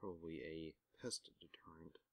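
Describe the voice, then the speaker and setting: A man's voice: rumbling low, moderate pace, gravelly, no echo. A man giving casual let's-play commentary on a game, with wry, self-mocking asides. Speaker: gaming commentator.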